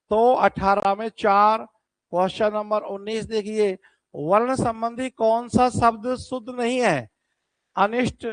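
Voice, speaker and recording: A man's voice: very high voice, no echo. A man teaching an online exam-prep class, talking straight to his students and stretching words for emphasis. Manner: lively, addresses students directly, drawn-out emphasis.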